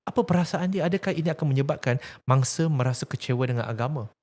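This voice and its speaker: A man's voice: mid-range voice, fast talker, a little mellow. A man with a Malaysian accent, talking earnestly about faith, asking rhetorical questions and telling a teaching story. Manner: emphatic, preaching tone, rhetorical questions. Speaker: religious activist speaker.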